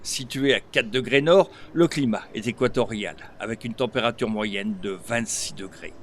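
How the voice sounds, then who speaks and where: A man narrating a local news report in a measured, scripted reading. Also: medium pitch, a little hiss or hum. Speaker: voice-over reporter.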